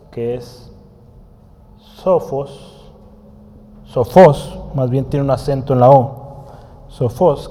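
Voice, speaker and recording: A man's voice: mid-range voice, warm tone, in a large hall, a little hiss or hum. A man teaching a Bible study lesson in a conversational way, often asking his listeners questions and writing on a board. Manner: writes on a board while teaching.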